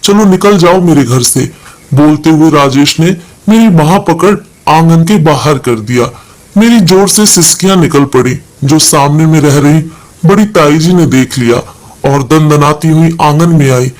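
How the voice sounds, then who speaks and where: Man narrating with a slightly high voice. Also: measured pace, low-quality recording. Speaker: storyteller. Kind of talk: scripted first-person story narration.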